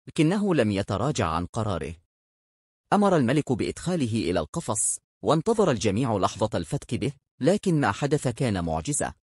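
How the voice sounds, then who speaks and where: A man narrating a moral folk tale in a measured, expressive storytelling manner. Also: fairly low pitch, breathy edge, no echo, studio quality.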